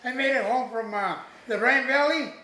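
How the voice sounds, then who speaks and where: Elderly male veteran remembering his war; high, bright voice, halting and repetitive, plain-spoken. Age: elderly, over 80. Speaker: war veteran being interviewed. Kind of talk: old veteran remembering, informal oral history. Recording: roomy echo, faint background noise.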